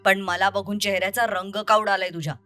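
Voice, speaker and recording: A woman voicing an angry young man who confronts his deceitful ex-lover in an audio story, over soft music. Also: medium pitch, steady tone, brisk, natural voice. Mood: accusing. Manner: accusing, bitter and confrontational.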